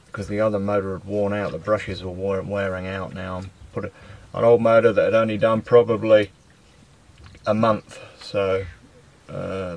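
The recording is low quality, from a camera mic either handheld or mounted, as an Australian sailing vlogger in his fifties talks to his own camera on a windy beach and a small sailboat. He has a lowish, slightly mellow voice with vocal fry. Easygoing and rambling, he fills his self-filmed commentary with "uh".

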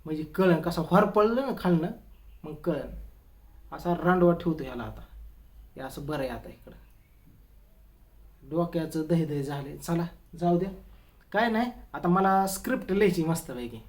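A comedian talking to camera in a comic vlog, telling stories in an exasperated, grumbling way. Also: male voice, on the high side, moderate pace, pauses often.

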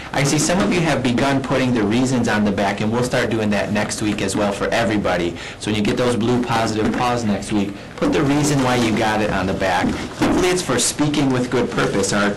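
A school administrator giving upbeat morning announcements, stumbling a little and calling out student winners. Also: male voice, mid-range voice. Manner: upbeat, stumbling over words. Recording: noisy school studio.

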